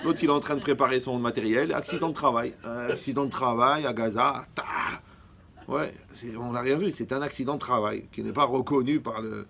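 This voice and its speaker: A man from Morocco, a rabbi, giving a lively religious lecture full of jokes and often checking that his audience is following. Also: medium pitch, a little fast, vocal fry.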